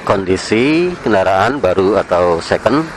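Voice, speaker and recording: A man chatting casually while riding a motorcycle, with relaxed slang and small chuckles, recorded on a helmet camera. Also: sits low, a little slow, poor audio. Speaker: motovlogger. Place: on a motorcycle in night city traffic. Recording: faint traffic noise outdoors.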